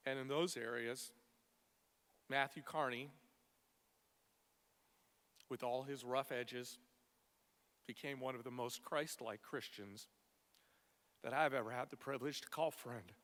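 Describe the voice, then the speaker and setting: A man delivering a prepared funeral eulogy for a friend, tender and measured, in short phrases with weighted pauses. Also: mid-range voice, a bit bright. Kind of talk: prepared memorial speech. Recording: long echoing reverb of a hall.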